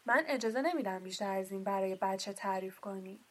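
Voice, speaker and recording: A woman's voice: mid-range voice, close to an everyday voice. A woman reading aloud and voicing a bossy, flustered middle-aged uncle who gives orders. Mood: commanding. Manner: commanding, flustered shouting.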